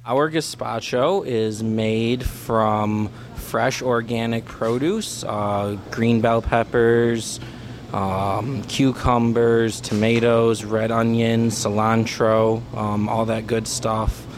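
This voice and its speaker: Slow, flat-voiced man in a field clip. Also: mid-range voice, a little hiss or hum. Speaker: co-op cook. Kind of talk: interview clip.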